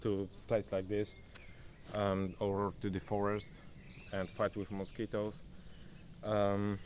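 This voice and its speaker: This young man, whose first language isn't English, talks loosely to his phone camera outside by a forest, calling his viewer "bro" in a casual self-made vlog. His voice is on the low side, monotone, unhurried and a little mellow. There is slight background noise, with faint insect and outdoor sounds.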